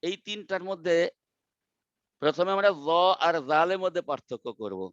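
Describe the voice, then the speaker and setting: A man teaching Quran pronunciation in an online class, drilling letters slowly and repeating them over and over. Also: sits high, lively intonation, fairly bright tone, no echo, muffled recording. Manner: slow, drawn-out letter drills with repetition. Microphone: video call.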